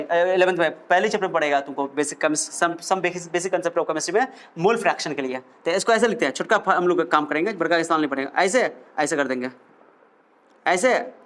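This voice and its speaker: A man's voice: high voice, a little fast. A man teaching a physics class, quizzing his students as he explains. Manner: lively, coaxing, quizzes students with questions. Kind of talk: classroom lecture.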